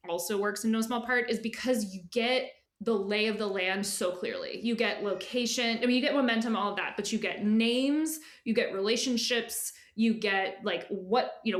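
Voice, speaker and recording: In a laid-back interview, a female editor speaks as a guest with a mid-range, somewhat bright voice. She stays informal and keeps dropping in asides and pretend quotes.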